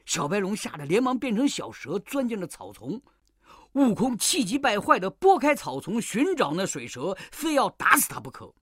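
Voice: medium pitch, fairly bright tone, breathy edge, no room sound. A storyteller reads a classic children's tale with great expression. The voice rises and falls widely and adds playful sound effects. The recording is dry and close with no room sound.

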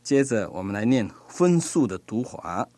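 A man teaching a language lesson, reading words slowly and pronouncing each one with care. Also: medium pitch, big pitch swings, warm tone, no room sound. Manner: slow, deliberate, pronouncing each word carefully. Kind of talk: slow recorded language lesson.

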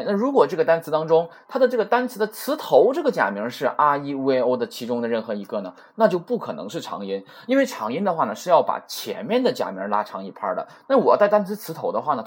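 A man's voice: medium pitch, slightly rough. A man teaching a beginner Japanese lesson in a chatty way, repeating points and checking that listeners follow. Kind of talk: casual recorded lesson.

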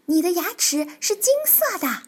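A woman voicing a small, toothless animal friend who is eager and caring, speaking high and excitedly in a children's story. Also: normal speed. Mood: surprised.

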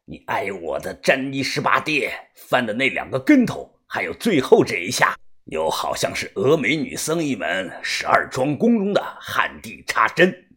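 A cocky male martial arts master with a low, husky voice, drawling his words slowly and with open mockery. He sounds crude and sure of himself, like a wuxia storybook rogue, voiced by a storyteller. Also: huge pitch swings, fairly bright tone, exaggerated voice. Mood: probing. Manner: slow, drawling, mocking.

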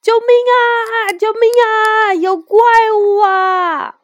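A woman's voice: fairly high pitch, takes it slowly, no room sound, studio quality. A woman voicing a panicked old-time nobleman crying for help in a children's story. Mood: terrified. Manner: panicked shouting. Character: frightened old-time nobleman who loves fake dragons.

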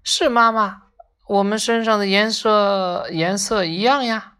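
A woman's voice: medium pitch, steady tone, measured pace, a bit bright, clear, resonant tone, voice pushed up, close to an everyday voice. A woman voicing a brood of small, eager goslings in a storybook, chirpy and insistent.

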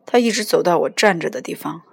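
Brief: woman audiobook reader, low and breathy, even first-person storytelling. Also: quick pace. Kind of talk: first-person novel narration.

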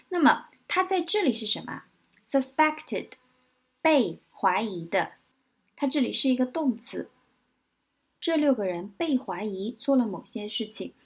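Husky woman teaching English vocabulary. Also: fairly high pitch. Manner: spells words out letter by letter, repeats example sentences slowly. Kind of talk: vocabulary lesson.

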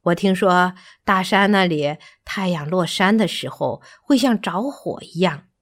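A woman reading a storybook aloud and voicing a gentle, dreamy male giraffe who leads his friends. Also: lowish voice, lively intonation, measured pace.

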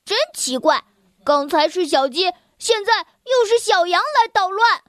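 A woman's voice: extremely high pitch, expressive, a little slow, dry recording, studio quality. A woman voicing a hungry, greedy male big bad wolf in a children's storybook reading, whiny and demanding. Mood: grumbling.

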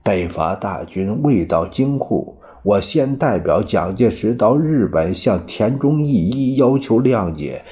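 A bitter aging politician, voiced by a male storyteller, drags his words out slowly in a lowish voice. His tone is weary and self-pitying. The audio sounds dull and lo-fi. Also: a little mellow, full character voice.

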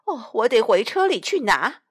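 A woman voicing a fussy, doting female dog owner who cries out in a flustered, loud way, slightly higher than her own voice. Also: very animated, moderate pace, husky.

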